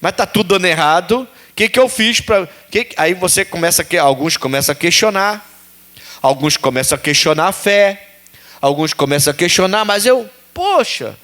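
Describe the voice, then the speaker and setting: A man's voice: high voice, fairly quick, a bit bright. A man preaching a sermon as pastor, repeating phrases and putting questions to the congregation.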